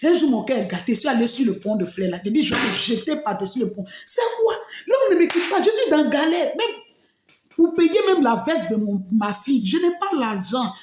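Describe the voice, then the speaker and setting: A woman shares an emotional personal testimony. Her voice sits fairly high and swings widely in pitch as she tells her story with frequent exclamations. The sound is roomy, with a noticeable echo. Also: animated, brisk, a little mellow. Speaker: testimony speaker.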